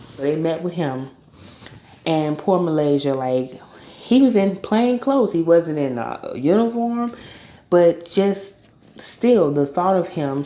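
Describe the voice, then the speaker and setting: A woman's voice: deep voice, warm tone, roomy sound. A woman recapping a reality TV episode in a chatty, opinionated way with informal slang. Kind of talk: casual recap commentary.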